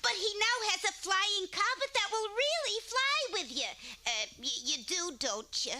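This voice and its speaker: Very squeaky-high cartoon princess. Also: female voice, very animated, measured pace, a loud crowd, full character voice. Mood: pleading. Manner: gushing, melodramatic.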